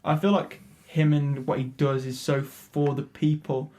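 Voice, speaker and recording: Joking young British man, higher voice. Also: flat delivery, a little slow, warm tone, slight background noise. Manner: joking, laughs often, talks over his friend. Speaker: podcast co-host. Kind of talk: casual chat.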